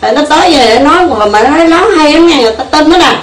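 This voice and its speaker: An older woman gives a Buddhist teaching in a high voice. She tells homely stories, keeps asking her listeners whether they follow, and chuckles along the way. She was recorded from across an echoey room. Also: expressive, very fast, a little hiss or hum. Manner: folksy, laughing, with rhetorical questions to listeners. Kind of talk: Dharma talk with storytelling. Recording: echoey room, mic far off.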